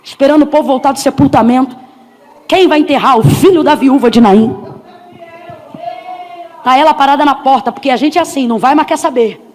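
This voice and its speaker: A woman preacher with a Brazilian Portuguese accent, delivering an animated, storytelling sermon and acting out voices. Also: high voice, brisk, pauses often. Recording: long hall reverb with faint crowd.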